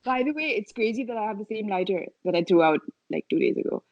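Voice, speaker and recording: A woman's voice: mid-range voice, expressive, fast talker, slight background noise. A woman chatting casually as a podcast guest, informal and hesitant as she explains herself. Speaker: podcast guest, social media video creator. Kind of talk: casual chat. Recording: dry, slightly dull audio.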